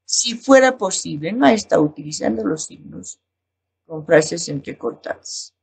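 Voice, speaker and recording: A woman teacher with a Bolivian Spanish accent talks through a lesson at a slow, explanatory pace, reading her examples aloud. Her voice is a little husky, and her pitch moves up and down a lot as she speaks. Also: expressive, darkish tone. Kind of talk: recorded class lesson.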